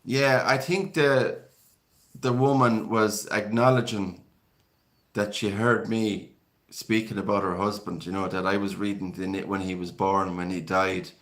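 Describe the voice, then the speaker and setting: Hosting a live stream, this Galway man speaks with a west of Ireland accent, rambling conversationally as he chats and reads viewers' comments aloud. His voice is fairly low and a bit bright, with a steady tone and an unhurried delivery.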